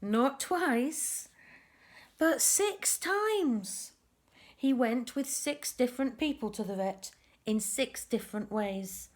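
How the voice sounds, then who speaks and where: Pitched on the high side, this woman reads a picture book aloud for little children. Her emphasis is expressive and intentional, and she drops in conversational comments about the art.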